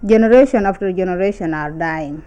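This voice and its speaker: A woman from South Sudan speaking slowly and emphatically as an interviewee. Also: on the low side, dark tone, clean tone, poor audio. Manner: slow, emphatic.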